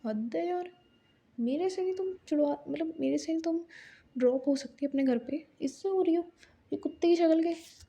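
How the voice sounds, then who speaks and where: A woman's voice: sits high, brisk, warm tone. A woman voicing an indignant, sarcastic young college woman who talks in a raised, mock-outraged voice.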